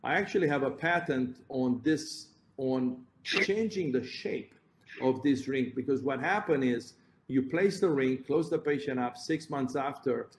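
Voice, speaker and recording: With a medium pitch and a darkish tone, a Romanian-accented man presents at a conference as a heart surgeon. He explains step by step, pointing at slides and correcting himself as he goes, in a roomy, echoey space with faint background noise.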